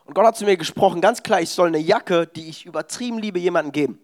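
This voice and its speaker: Young man, preacher, high voice, animated sermon. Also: fast. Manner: animated, storytelling with quoted dialogue.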